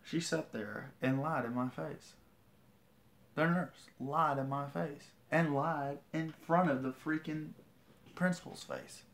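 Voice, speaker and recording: A man's voice: a little high, slow, gravelly, fairly bright tone, slight background noise. A teenage guy on a livestream, telling a story in a rambling, indignant way with many restarts. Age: teens. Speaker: vlogger.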